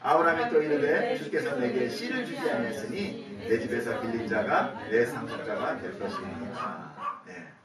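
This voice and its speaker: A man's voice: mid-range voice, moderate pace, few pauses, a loud crowd. A man preaching a casual sermon who acts out the voices in the story, chuckles and asks his listeners questions. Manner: lively, acts out God's and Abraham's lines in conversation. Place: church worship room. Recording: echoey church hall, mic at a distance.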